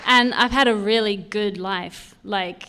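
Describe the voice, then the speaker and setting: Against a noisy background with a crowd audible, a woman in her thirties from Sydney speaks unhurriedly in a mid-range voice. Her accent is Australian with a hint of Canadian. She is a guest speaker at a recovery convention, giving a candid, lightly humorous, conversational personal talk.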